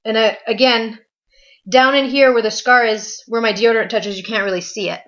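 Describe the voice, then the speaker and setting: A woman's voice: fairly high pitch, steady tone, fairly quick, fairly bright tone, dull audio. A pregnant young woman chatting to camera in a casual home vlog, upbeat, with plenty of fillers. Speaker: vlogger.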